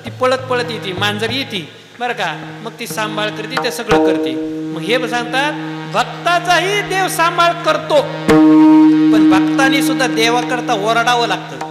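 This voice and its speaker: A man's voice: extremely high pitch, expressive, measured pace. A man preaching a devotional sermon, quizzing his listeners with rhetorical questions and breaking into sung verses. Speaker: kirtan preacher. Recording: echoey hall with music.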